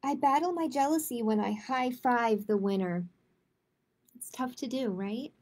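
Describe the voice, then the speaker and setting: A woman hosts a live picture-book storytime for kids, addressing viewers in simple, deliberate phrases. Her voice sits on the high side and has a darkish tone.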